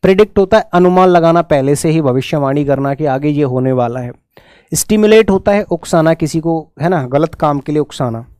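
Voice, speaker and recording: A man with a Hindi accent runs a brisk exam-prep English lesson, urging students to answer quickly. His voice sits high and sounds smooth and clear. It is recorded dry and close, with no room sound. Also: darkish tone, no echo. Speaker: English teacher.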